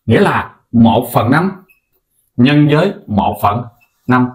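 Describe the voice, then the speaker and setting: A man explaining a math lesson to viewers in a lively, coaxing way, speaking to them directly. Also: medium pitch, slow pace. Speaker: math teacher.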